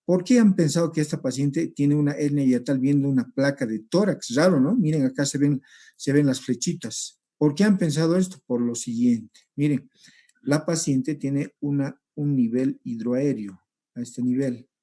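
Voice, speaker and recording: A man giving a recorded medical lecture over slides, explaining step by step and often checking with a quick "¿sí?". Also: mid-range voice, warm tone. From Peru. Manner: explanatory, repeats points, checks with rhetorical "¿sí?".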